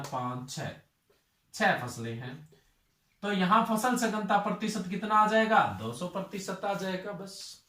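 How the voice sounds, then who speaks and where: A man's voice: sits high, fairly bright tone, reverberant, far from the mic. A male agriculture tutor giving a lecture. He asks his students questions and then answers them himself.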